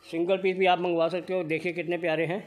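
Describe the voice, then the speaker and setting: Talking fast in a high voice with little pitch movement, a man from Punjab, India, walks through an indoor blanket shop while filming on his phone. This shop vlogger keeps up a cheerful, repetitive sales pitch praising the merchandise.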